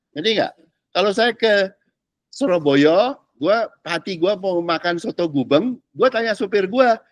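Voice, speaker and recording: Male pastor teaching a casual class, animated and slangy, dry close sound. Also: high-pitched, no echo. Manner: chatty, keeps checking the class understands, drops English words; uses casual Jakarta slang. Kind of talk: informal teaching talk.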